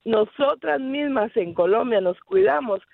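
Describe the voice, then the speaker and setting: Woman from Guatemala, radio caller, blunt, emphatic, high voice, tinny phone line. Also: animated, measured pace, gravelly, no echo. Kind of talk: phone call-in.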